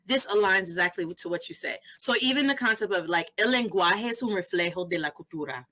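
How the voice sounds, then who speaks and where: Casually chatting as a podcast host, this woman in her 30s speaks a little fast with lively intonation, her mid-range voice pushed and bright. She's animated throughout and sprinkles Spanish phrases into her English.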